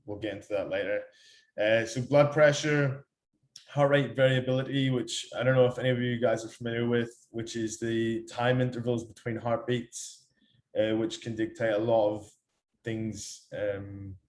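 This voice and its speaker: Fast-chatting Irish man in a roomy space. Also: medium pitch, darkish tone. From Ireland. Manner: chatty, quick, with many ums and restarts. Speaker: workshop speaker. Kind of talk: casual presentation on a video call.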